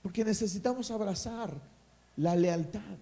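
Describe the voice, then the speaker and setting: A man's voice: sits high, a little slow, creaky, dark tone. A man with a Mexican accent preaching a sermon as pastor, emphatic and calling for responses from the congregation.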